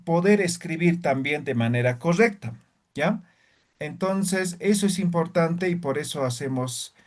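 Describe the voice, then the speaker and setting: A male language teacher leads his class at an unhurried pace, patient and methodical. He keeps stopping to check that the students follow with quick tag questions. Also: a little high, a little mellow. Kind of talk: online class instruction.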